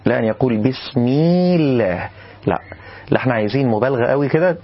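A man teaching correct recitation in a lesson, explaining calmly and then demonstrating verses slowly and melodiously. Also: medium pitch, dull audio. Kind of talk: tajweed lesson.

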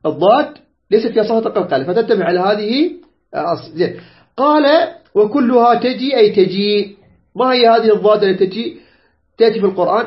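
A man teaching a tajweed lesson, repeating points, quizzing students and stretching out example words. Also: sits high. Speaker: Quran recitation teacher. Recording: dull lo-fi recording.

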